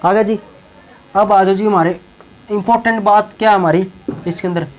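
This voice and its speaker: A man's voice: sits high, fairly even intonation, moderate pace, rough recording. A male teacher explaining English verb forms in Hindi, often repeating words and checking in with the class. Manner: repeats words and tags lines with a check-in phrase.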